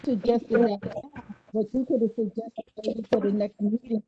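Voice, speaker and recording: A woman whose voice comes through muffled and bass-heavy, insistently repeating her point as a community board member in a virtual meeting. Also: level tone, moderate pace, breathy edge. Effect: muffled, bass-heavy sound. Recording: dull lo-fi online call audio with faint noise.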